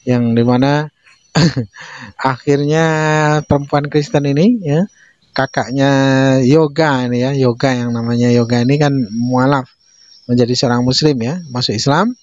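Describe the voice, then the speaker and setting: A man's voice: mid-range voice, darkish tone. A man hosting a channel, giving preachy commentary with repetitive phrasing. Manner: repetitive, tags sentences with "ya". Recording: muffled lo-fi audio.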